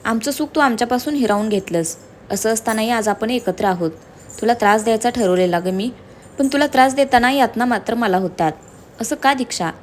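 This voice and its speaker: A woman's voice: fairly high pitch, a little fast, slight background noise, lightly acted. A woman voicing a young husband who is bossy, teasing and protective, read for a storybook. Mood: brooding.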